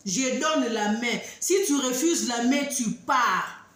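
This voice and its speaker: A high-pitched woman speaks in a strongly echoing room. She tells a story in an animated, emphatic way, sometimes loud and sometimes dropping to low asides. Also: slow. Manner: emphatic, warning, swings between loud outbursts and low asides. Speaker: online talk host addressing women. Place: living abroad in southern Africa. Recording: very echoey room.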